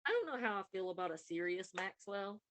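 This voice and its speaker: A woman co-hosting a podcast, walking through matches step by step in a relaxed, conversational way. Her voice sits at an ordinary middle pitch as she recaps each moment. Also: a little fast, low-quality recording. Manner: recaps events in a plain, running play-by-play way. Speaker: podcast co-host. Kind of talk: casual wrestling recap.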